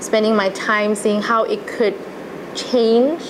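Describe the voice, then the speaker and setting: A young adult woman, Malaysian-accented, takes it slowly in a steady, mid-range voice as she recalls her experiences. The casual interview has an earnest, chatty feel, with noticeable background noise and ambience in the recording.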